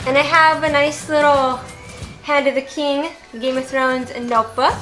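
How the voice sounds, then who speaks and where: A young woman from Alaska chats casually as a reaction host, her voice high and her delivery slow and unhurried. She giggles often while guiding the conversation, with TV show music playing behind her. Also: fairly even intonation, fairly bright tone, rough recording. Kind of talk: casual chat. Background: TV show music and sound.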